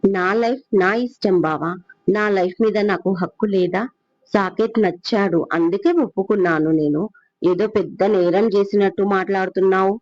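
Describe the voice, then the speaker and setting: A woman's voice: medium pitch, moderate pace, darkish tone, no room sound, natural voice. A storyteller voicing a stubborn young woman who curtly waves off her suitor, on a dull, dry recording. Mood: defiant.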